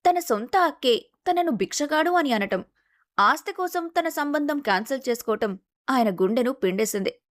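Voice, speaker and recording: A woman narrating a scripted family drama in a steady storytelling manner. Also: high-pitched, moderate pace.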